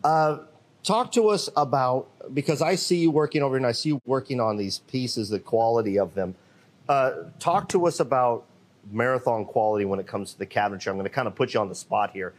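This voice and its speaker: A man's voice: mid-range voice, a little fast. Chatty man hosting a workshop tour. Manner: off-the-cuff, chatty, many fillers and restarts. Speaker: host of a live company show. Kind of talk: unscripted live walkthrough. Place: indoor cabinet workshop. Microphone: handheld microphone.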